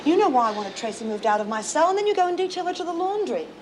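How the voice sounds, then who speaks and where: A protective, stubborn woman prisoner with an Australian accent. She talks fast and insists. A faint hiss runs under this old TV drama. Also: high voice, sing-song. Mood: insistent. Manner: insistent, quick. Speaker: prison inmate. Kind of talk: 1970s TV drama acting.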